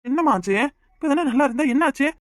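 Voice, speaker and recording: Cartoon: woman voicing a village husband, Kanyakumari Tamil accent, fast, blunt. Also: high voice, lively intonation, no room sound, studio quality. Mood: alarmed.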